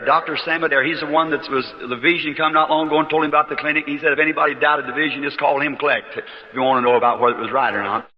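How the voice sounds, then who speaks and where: A man's voice: fairly high pitch, fairly even intonation, quick pace, big-room sound, lo-fi sound. A man preaching, telling a personal story in a folksy, emotional way, heard on an old tape recording. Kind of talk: archival sermon storytelling.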